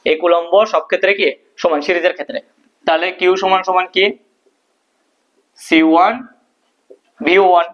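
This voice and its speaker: A man's voice: high voice, level tone, normal speed, long pauses. A male teacher explaining a physics proof at a board, asking questions and answering them himself. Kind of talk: physics lesson at a whiteboard. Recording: dull lo-fi recording.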